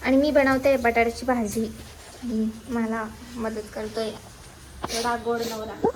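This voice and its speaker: A woman's voice: fairly high pitch, slow, low-quality recording. A young woman with a Marathi accent, chatting casually and teasing playfully to a phone camera in a couple vlog. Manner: playful teasing, lively exclamations. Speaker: vlogger. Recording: loud crowd and background noise.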